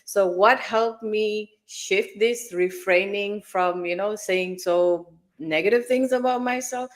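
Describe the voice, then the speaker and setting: A woman in her forties from Fiji, a guest in a live interview, speaking in a measured, reflective way. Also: medium pitch. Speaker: guest, finance mentor.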